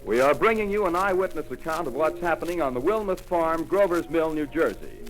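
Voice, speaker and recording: A man's voice: a little high, expressive, brisk, music in the background, close to an everyday voice, low-quality recording. A man playing a formal 1930s studio announcer. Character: calm adult male studio radio announcer. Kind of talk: 1930s radio drama acting. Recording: hissy 1930s radio broadcast.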